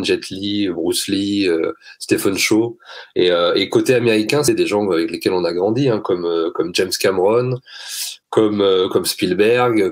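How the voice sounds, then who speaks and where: A man with a low voice chats casually as co-host of a film podcast. He strings his points together with fillers. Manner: casual, listing names with fillers.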